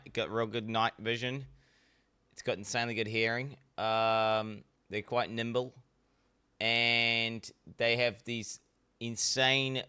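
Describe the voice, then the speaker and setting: Bright, clear-voiced New man, blunt streamer. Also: medium pitch. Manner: blunt, argumentative, sweary. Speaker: streamer reacting to videos. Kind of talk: casual livestream reaction commentary.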